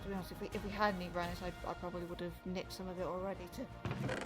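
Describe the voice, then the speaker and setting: A woman's voice: fairly low pitch, level tone, rapid-fire. A British woman chatting casually while gaming, in a rambling way with frequent stammered restarts. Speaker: gaming streamer. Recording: music behind the voice.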